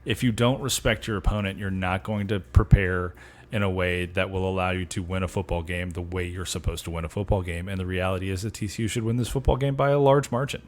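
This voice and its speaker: Low-voiced man co-hosting a sports podcast. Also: steady tone. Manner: measured, conversational, dry humor. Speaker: podcast co-host. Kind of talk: casual sports podcast chat.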